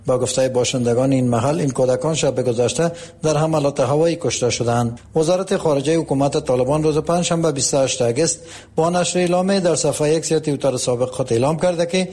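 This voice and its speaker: Mellow-voiced male radio reporter. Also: fairly high pitch. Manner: even, formal reporting tone. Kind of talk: scripted news report narration.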